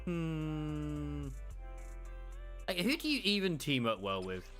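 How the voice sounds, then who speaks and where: A man's voice: fairly high pitch, very animated, slow pace, a bit bright, faint music behind. A man giving casual, chatty live commentary as he plays a game, often muttering to himself. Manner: chatty, muttering to himself, sing-song asides. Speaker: gaming streamer.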